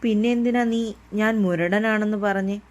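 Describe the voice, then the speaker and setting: A woman's voice: mid-range voice, steady tone, moderate pace, darkish tone, lightly acted. A teasing young lover from a read-aloud romance, as a woman narrator puts him on, coaxing and playful, sulking now and then. She keeps close to her own voice. He speaks like a cheeky young man who loves to tease.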